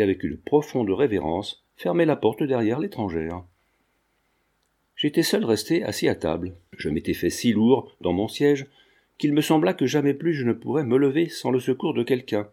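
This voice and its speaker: A man narrating a literary novel as an audiobook, in a measured storytelling manner. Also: medium pitch, expressive, darkish tone. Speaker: audiobook reader.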